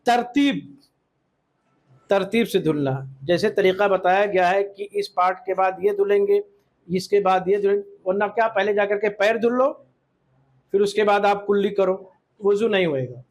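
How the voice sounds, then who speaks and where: A man teaching Islamic law to a class, quizzing the students and often checking that they agree, with English words mixed in. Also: high-pitched. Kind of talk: classroom lesson with questions to students.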